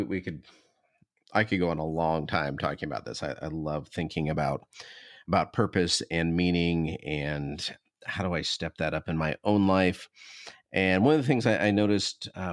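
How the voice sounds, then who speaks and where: A man's voice: sits low, no echo, clean studio sound. A man hosting a podcast interview, thoughtful and a little hesitant, often repeating words as he asks questions. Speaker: podcast host. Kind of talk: casual interview.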